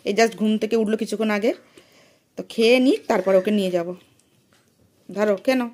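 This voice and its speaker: A woman's voice: medium pitch, a little fast, a little mellow, low-quality recording. A woman vlogging her day as a mother, talking straight to her viewers in a chatty, casual way. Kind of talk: casual daily vlog narration. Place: outdoors on the street, then at home.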